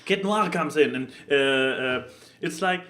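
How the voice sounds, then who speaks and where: A man co-hosting a podcast chats casually, delivering an exasperated, animated review and acting out quotes along the way. His voice is a little high and his pace measured.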